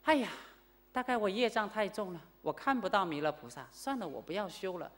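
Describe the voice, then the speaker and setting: A woman's voice: medium pitch, expressive, brisk, fairly bright tone, big-room sound, close to an everyday voice. A woman voicing a discouraged male monk who sighs and pleads after years of fruitless retreat, in a story told to a class. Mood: despairing. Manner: plaintive, sighing.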